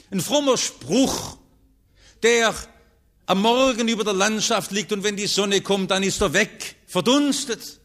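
A man preaching a sermon, earnest, his voice rising and falling strongly as he speaks. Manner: earnest, with strong rises and falls in pitch and loudness.

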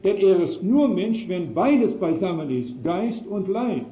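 A man's voice: sits high, sing-song, unhurried, narrow, tinny audio. Man preaching an earnest sermon full of probing questions; roomy, echoey recording.

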